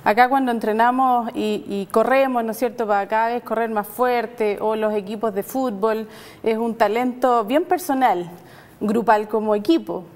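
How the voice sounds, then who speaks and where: Hesitant Chilean woman, high and reverberant. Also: normal speed, darkish tone. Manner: hesitant, with many filler sounds and tag questions. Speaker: nurse and guest. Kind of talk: faith TV conversation and prayer.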